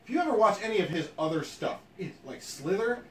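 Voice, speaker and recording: A man's voice: high voice, very animated, fast, reverberant, distant mic, slight background noise. A man co-hosting a casual podcast, rambling and swearing freely as he talks. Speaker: podcast co-host. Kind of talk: casual group chat.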